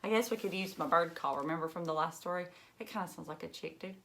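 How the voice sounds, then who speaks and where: Here a woman with a fairly low voice and some vocal fry reads a children's picture book quickly. Her delivery is emphatic and lively, and she stops to ask the little ones questions and make side comments.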